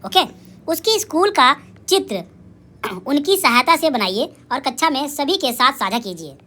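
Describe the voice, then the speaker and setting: A woman teaching young children in a lively recorded lesson. She asks and answers her own questions, sounds out syllables slowly, and calls out cheerful praise. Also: high voice. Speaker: primary school teacher.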